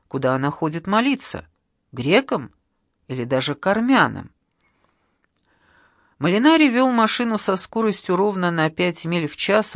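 An audiobook narrator reading a novel in a calm, measured way. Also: medium pitch, no echo, studio quality. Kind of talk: scripted narration.

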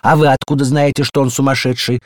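A man voicing a brisk, suspicious female ambulance in a storybook reading, businesslike and questioning. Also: medium pitch, level tone, dry recording, clean studio sound, pitched above the performer's own voice, close to an everyday voice.

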